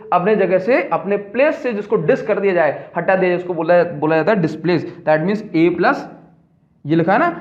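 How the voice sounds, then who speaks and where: A man teaching a school science lesson, chatty and coaxing students with repeated questions. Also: sits high. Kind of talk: classroom lesson. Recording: echoey room, dull lo-fi sound.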